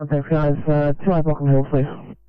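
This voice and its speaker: A man's voice: on the high side, little pitch movement, a little fast, clear, resonant tone, no echo, phone-quality sound. A man working as an emergency radio operator, politely passing procedural messages over a crackly walkie-talkie. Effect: crackly walkie-talkie radio transmission. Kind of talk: emergency two-way radio communication. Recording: crackly, phone-thin two-way radio.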